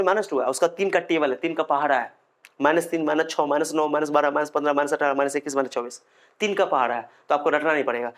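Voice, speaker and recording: A male physics teacher lectures at a board in a drilling, repetitive way, often pressing a point with insistent emphasis. His voice sits a little higher than most men's. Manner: repetitive, emphatic, drills students to repeat after him.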